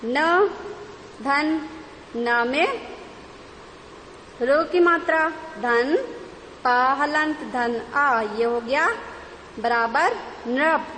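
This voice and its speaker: A woman's voice: high-pitched, extremely slow, long pauses, a bit bright. A woman Hindi teacher giving an online lesson to young children, spelling words out piece by piece. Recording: long reverb, faint background noise.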